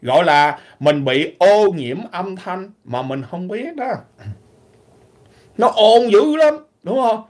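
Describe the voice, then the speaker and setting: Animated high-voiced man vlogging. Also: slow. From Vietnam. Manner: animated, opinionated, clears throat often. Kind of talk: casual monologue vlog.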